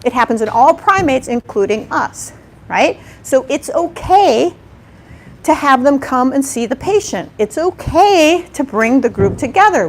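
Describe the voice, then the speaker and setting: A woman with a slightly high voice presents at a live workshop. She talks in a loose, conversational way, acts out little quoted exchanges and keeps checking in with her listeners by asking "okay?" and "right?". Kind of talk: live conference talk. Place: lecture room at a workshop.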